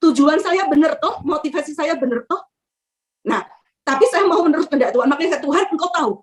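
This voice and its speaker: High-voiced older woman giving a testimony. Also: fairly quick. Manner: animated, acts out prayers, laughs and hesitates often. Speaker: church member sharing a testimony. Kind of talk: emotional personal testimony. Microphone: video call.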